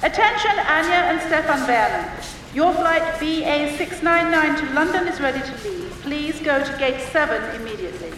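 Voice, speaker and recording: A woman reading formal airport announcements clearly, as in a scripted listening exercise. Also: sits high, expressive, moderate pace, a bit bright, a little hiss or hum. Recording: echoey public-address sound from a distance.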